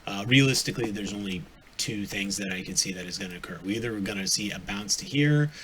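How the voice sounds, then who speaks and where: A man's voice: lowish voice, fast talker, crowd noise. A man hosting a live trading stream, casually thinking aloud through charts with lots of fillers and restarts. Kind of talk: live forex chart walkthrough. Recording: noisy live stream audio.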